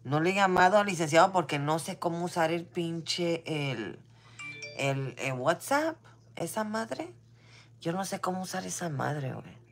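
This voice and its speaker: A woman's voice: fairly low pitch, lively intonation, unhurried. A woman with a Mexican accent venting in a casual monologue, blunt and full of slang and swearing, now and then dropping English phrases. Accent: Mexican Spanish.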